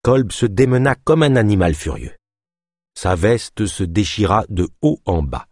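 A man narrating an audiobook in a lively, expressive storytelling manner. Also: on the low side, a little slow, dry recording, clean studio sound.

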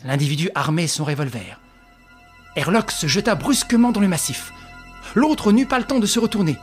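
A woman reading a classic adventure novel aloud as scripted narration, telling it dramatically with lively rises. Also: lowish voice, moderate pace, soft background music. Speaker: audiobook reader.

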